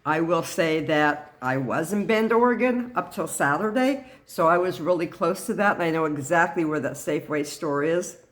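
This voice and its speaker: A middle-aged woman giving a personal talk to camera in an earnest, halting way. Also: low-pitched. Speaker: vlogger sharing personal experience.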